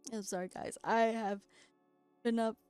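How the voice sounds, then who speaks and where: A woman casually narrates customizing a doll, very tired after being up all night, her voice cracking as she chats and laughs at herself often. Her voice is a little high with a darkish, clean tone, a flat delivery, and a measured pace. There's no room sound, and faint music plays behind her.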